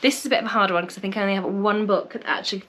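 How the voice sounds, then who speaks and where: A woman's voice: medium pitch, rapid-fire, fairly bright tone, a little hiss or hum. Congested, nasal-sounding woman book vlogger. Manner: chatty, friendly, thinks aloud. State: congested, slightly nasal from a cold. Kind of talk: casual chat to camera. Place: home room with bookshelves.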